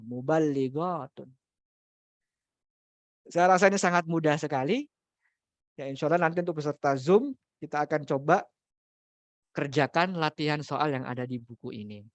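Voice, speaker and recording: A man's voice: fairly high pitch, dry recording. Male grammar teacher, dry sound. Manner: explains step by step, repeats key terms, asks rhetorical questions. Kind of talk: religious study class lecture.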